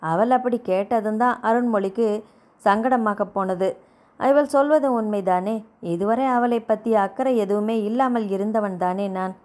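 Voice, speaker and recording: A woman narrating a novel aloud in a steady storytelling manner. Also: medium pitch, moderate pace. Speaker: audiobook narrator.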